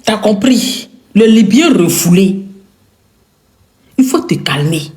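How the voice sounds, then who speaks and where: A woman's voice: medium pitch, expressive, slow pace, dark tone. A woman with an Ivorian French accent giving a confrontational rant to camera. She repeats her lines for emphasis and throws insults. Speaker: online commentator. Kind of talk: angry direct-to-camera rant. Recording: echoey room.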